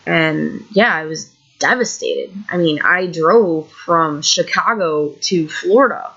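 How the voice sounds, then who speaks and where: In a muffled recording, a woman around thirty from Illinois rambles on her couch at home about her troubles for her vlog, frustrated and quick to put herself down. She speaks slowly in a low voice with a touch of brightness.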